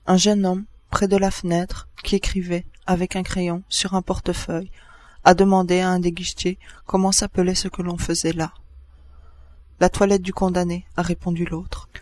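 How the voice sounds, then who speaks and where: Man narrating a literary text, high voice, flat steady delivery, measured pauses. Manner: measured first-person reading with short pauses.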